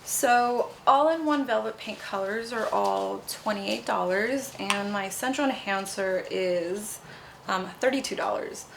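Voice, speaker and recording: Against a noisy background, a young Nepali woman who runs a cosmetics company answers interview questions. Her mid-range voice is creaky and unhurried, while her manner stays bubbly and chatty, peppered with "you know."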